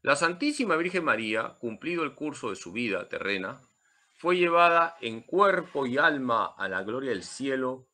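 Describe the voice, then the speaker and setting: Lively bright-voiced priest. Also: male voice, medium pitch. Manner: emphatic, lively teaching with humor. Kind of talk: Marian catechesis talk.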